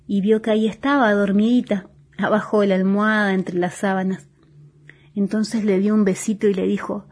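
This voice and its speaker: Lady reading a kids' story on the radio, soft husky voice, expressive. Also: medium pitch.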